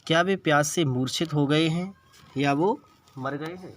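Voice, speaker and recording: This man's voice sits on the high side and moves at a normal speed. He leads a bilingual class on an English text, reading lines in an Indian accent and patiently explaining the words one by one.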